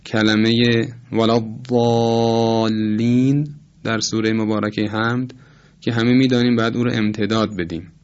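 A man giving a recorded lesson on Quran recitation, speaking in a measured, polite way and sounding out vowels to demonstrate them. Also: lowish voice, fairly even intonation. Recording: dull lo-fi recording.

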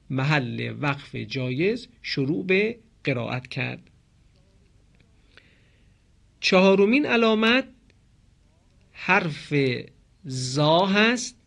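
A man's voice: a little high, vocal fry, a bit bright. A man teaching Quran recitation rules, who asks questions and answers them himself and stretches out key terms. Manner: didactic, poses questions then answers them; stresses and drags out key terms. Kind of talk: explanatory lesson on pause marks.

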